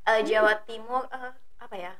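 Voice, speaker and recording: A woman with a soft, slurred R explains things casually as a food promoter, in hesitant, stop-and-start phrases. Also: a little high, moderate pace, crowd noise. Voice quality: slurred R (rhotacism).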